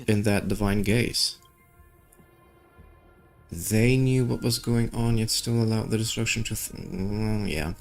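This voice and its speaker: Over background game music, a man streaming games reads the story dialogue out loud in a fairly low, creaky voice. He adds casual commentary and offhand, skeptical remarks.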